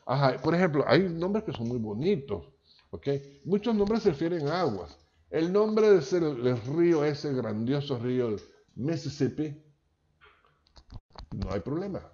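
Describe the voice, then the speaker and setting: A man's voice: a little high, sing-song, unhurried, mellow. A man with a Venezuelan accent from Maracaibo, a linguistics professor giving a chatty lecture over a video call, often checking in with "¿ok?". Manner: chatty, tags lines with "¿ok?". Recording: dull, lo-fi video call audio.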